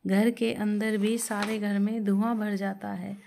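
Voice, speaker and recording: A woman storyteller narrates a moral story in a plain, steady reading voice. Her tone is warm and mellow, with a dark edge. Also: mid-range voice, unhurried, creaky, a little hiss or hum.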